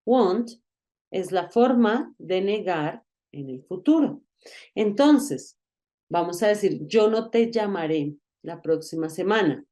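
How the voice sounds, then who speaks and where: Woman teacher, low mellow voice, unhurried, models example sentences slowly and quizzes the learner. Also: lively intonation. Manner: asks the learner questions directly. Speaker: English teacher. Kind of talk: online grammar lesson.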